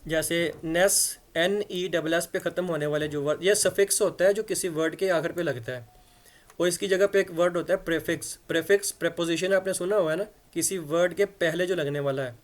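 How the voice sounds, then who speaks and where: Male grammar teacher, a bit high-pitched, chatty explainer who spells words aloud. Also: a little fast. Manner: conversational, checks understanding with repeated "theek hai". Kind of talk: explanatory lesson in Hindi-Urdu.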